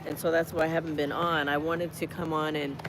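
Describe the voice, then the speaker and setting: A motivational vlogger, a woman in her 50s, live-streams a walking vlog outdoors on a college campus, hoarse from a cold. Her low voice has little pitch movement and runs a little fast as she encourages viewers in a chatty, preacher-like way. Noisy street ambience fills the recording.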